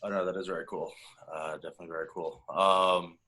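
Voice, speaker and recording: A man hosting a casual interview, eager and halting, with lots of fillers as he asks questions. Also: deep voice, little pitch movement, background noise. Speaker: interviewer, host.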